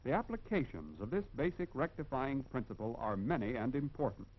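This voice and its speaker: A man's voice: mid-range voice, very animated, brisk, husky. An American man reads scripted narration for a 1940s industrial film in a formal, instructive and emphatic manner. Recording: dull, band-limited vintage film soundtrack.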